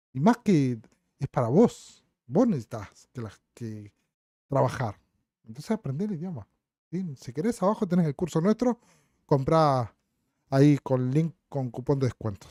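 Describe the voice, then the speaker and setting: A man's voice: fairly high pitch, warm tone, no echo, clean studio sound. A man with an Argentine accent from La Plata, hosting a casual livestream and bluntly answering viewer questions, dropping in Portuguese words. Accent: Argentine Spanish, La Plata.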